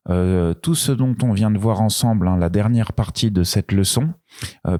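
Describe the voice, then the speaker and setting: A man's voice: lowish voice, dark tone, dry recording, studio quality. A man teaching beginners French pronunciation, patient and repeating each sound with care. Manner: patient, repeats each syllable with a drawn-out delivery. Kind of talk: slow beginner pronunciation lesson.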